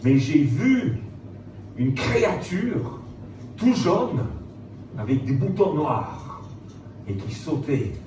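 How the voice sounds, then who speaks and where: A middle-aged former pastor delivers a storytelling sermon to a live audience, retelling events theatrically and acting out the dialogue. His voice sits on the high side, slow with frequent pauses. The mic is distant in a very echoey room, and noise is clearly audible.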